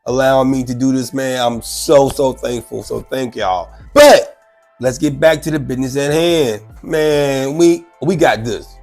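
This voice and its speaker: A medium-pitched man speaks at a measured pace as faint music plays. Hosting his own show while sick and congested, he gives casual, chatty commentary on a news clip, animated and repetitive.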